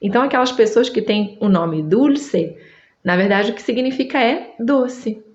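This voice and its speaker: A Brazilian woman whose first language is Portuguese, teaching Spanish in an online lesson, drawing out each word slowly and checking in with her listener. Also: a little high, lively intonation, roomy sound, muffled recording. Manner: slow, drawn-out drilling of words, checks in with the listener.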